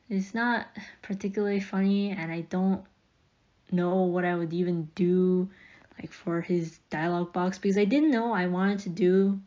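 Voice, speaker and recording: A woman's voice: lowish voice, dark tone, highs cut off. A young woman casually narrating a speedpaint voiceover, chatty and rambling, with fillers and light laughs. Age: young adult.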